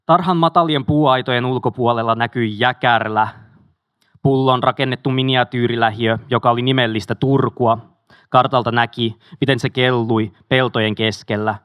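A man reads a memoir aloud at a steady, measured pace. His voice sits at an ordinary middle pitch, and he drops into a few casual asides. The sound is dry and close, with no room around it. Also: dry recording. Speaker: audiobook reader.

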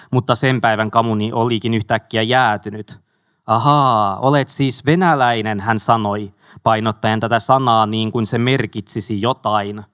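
A man's voice: mid-range voice, a bit bright, no room sound. Man reading a memoir, dry close sound. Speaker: audiobook reader.

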